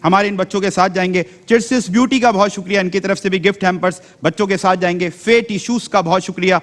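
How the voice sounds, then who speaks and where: Male TV host, high voice, polished and affirming, reverberant studio. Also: fairly even intonation. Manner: polished, affirming, reads sponsor thanks. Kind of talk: hosting a religious TV competition.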